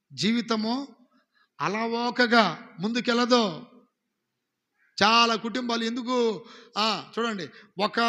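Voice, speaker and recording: Telugu-accented male pastor, high voice, live sermon with long hall echo. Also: pushed and bright. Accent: Andhra Telugu. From India. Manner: exhorting, calls congregation to repeat phrases.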